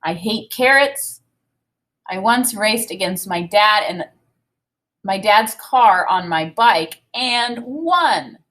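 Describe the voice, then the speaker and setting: A woman in her thirties, with a mid-range voice and a slow pace, teaches a read-aloud lesson indoors in a small home room. She's enthusiastic and expressive, thinking aloud conversationally.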